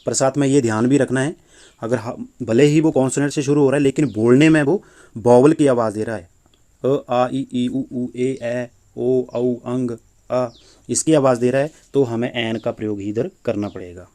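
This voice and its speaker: A man's voice: medium pitch, fairly even intonation, moderate pace, mellow. A man teaching a grammar lesson, patiently explaining and repeating points with rhetorical questions.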